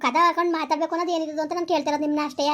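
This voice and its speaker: Woman voicing a nagging pregnant young wife, village skit, high-pitched, flat tone, very fast. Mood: reproachful. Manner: complaining, questioning, rapid.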